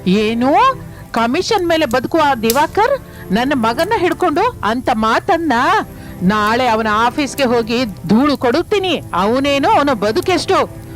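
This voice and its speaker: A woman's voice: high voice, sing-song, measured pace, soft background music. A woman voicing a stern middle-aged mother-in-law who scolds indignantly in a cartoon story. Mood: angry.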